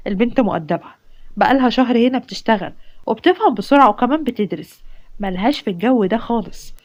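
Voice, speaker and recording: A woman with an Egyptian Arabic accent voicing a level-headed male company boss calmly advising his cousin. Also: fairly high pitch, fast.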